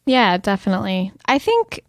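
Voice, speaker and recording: A woman's voice: mid-range voice, big pitch swings, normal speed, no echo, clean studio sound. A woman in her thirties co-hosting a podcast, talking in a chatty, reflective way and laughing often. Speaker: podcast co-host. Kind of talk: casual podcast chat.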